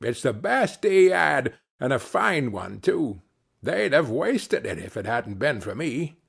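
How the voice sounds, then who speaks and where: A man's voice: big pitch swings, slow pace, creaky, slightly rough, full character voice. A man voicing a coarse, greedy woman who cackles and mocks. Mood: cool. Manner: shrill cackling laughter. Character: coarse scheming old charwoman, mocking and greedy.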